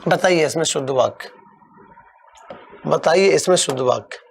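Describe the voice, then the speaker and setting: A young man teaching an online exam-prep class, coaxing his students and repeating words slowly. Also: a little high, gravelly, slight background noise.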